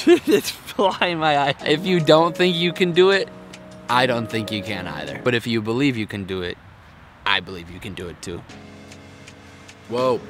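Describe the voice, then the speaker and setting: A sharp-toned, mid-range male voice belongs to a young man vlogging to camera in a city park. His casual talk is crude and blunt, full of swearing, and he keeps mocking himself.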